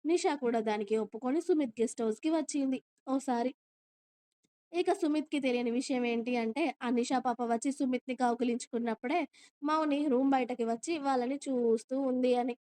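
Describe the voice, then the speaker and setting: A woman narrating an audio romance story in a steady storytelling manner. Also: sits high, fairly quick, smooth.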